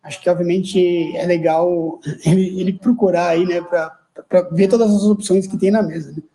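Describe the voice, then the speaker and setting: A man hosts a webinar, reading out audience questions and summing up. His voice is high but mellow and dark in tone, and he rambles with repeated words. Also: steady tone, moderate pace, rough recording. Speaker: webinar host. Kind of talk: moderating a webinar.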